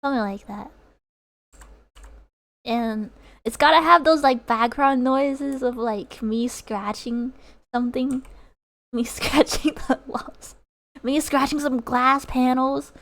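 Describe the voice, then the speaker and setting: Slow-talking, giggly young streamer woman. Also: high voice, steady tone, fairly bright tone. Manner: giggly, reads out chat. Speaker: art streamer. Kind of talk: casual livestream chat while drawing.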